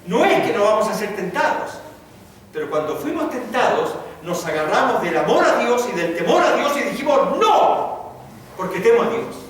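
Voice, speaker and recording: A man's voice: high voice, sing-song, moderate pace, a bit bright. A male pastor preaching a sermon in a dramatic style, acting out the voices he quotes. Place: church sanctuary. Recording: echoey church hall, distant mic, audible noise.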